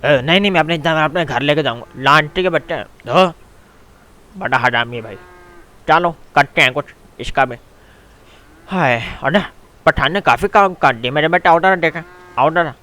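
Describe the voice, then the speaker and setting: A man's voice: fairly high pitch, normal speed, long pauses, sharp tone. A young man voicing his own role in a game machinima, bantering and teasing in a casual way. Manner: bantering, teasing, calls others "my son". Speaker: machinima voice actor. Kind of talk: role-play narration for a game video.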